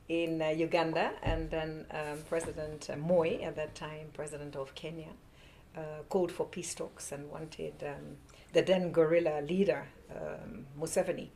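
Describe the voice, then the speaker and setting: A woman's voice: deep voice, warm tone, a little hiss or hum, low-quality recording. A woman from the Netherlands serving as an ambassador, answering interview questions with many hesitant fillers.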